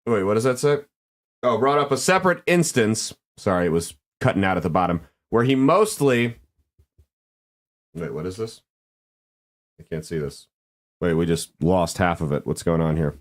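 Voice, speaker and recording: A man's voice: lowish voice, sing-song, moderate pace. A man hosting a podcast, reading advice letters aloud and joking sarcastically about them in casual commentary.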